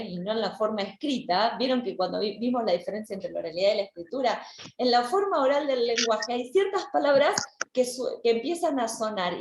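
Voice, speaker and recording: A woman's voice: on the high side, reverberant. A woman, lecturing an online language class and explaining step by step with frequent restarts. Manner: explanatory, with many restarts and repeated words. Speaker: language teacher.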